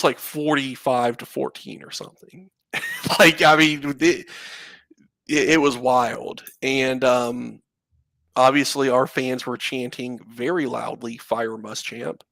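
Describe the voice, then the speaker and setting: A man's voice: mid-range voice, vocal fry, a bit bright, no echo. A man in his thirties co-hosting a sports podcast, chatting casually and rambling with lots of fillers and asides. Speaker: podcast co-host, Florida fan.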